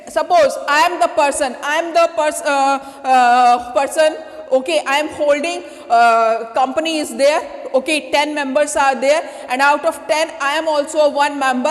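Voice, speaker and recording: Slow, high-voiced woman teacher. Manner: slow, repetitive, with many fillers and restarts. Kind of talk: classroom lesson. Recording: long reverb.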